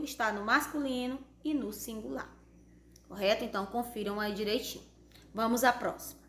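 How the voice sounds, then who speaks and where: A woman's voice: fairly high pitch, fairly bright tone, roomy sound. A Brazilian woman teacher going over homework answers for children step by step, patiently checking in as she goes. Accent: Brazilian Portuguese.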